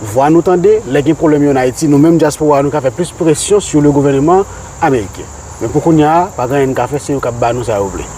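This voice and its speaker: A man's voice: a little high, lively intonation, fairly quick, mellow, a little hiss or hum. A man with a Haitian Creole accent hosting a casual community interview, upbeat and promotional in manner. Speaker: interview host.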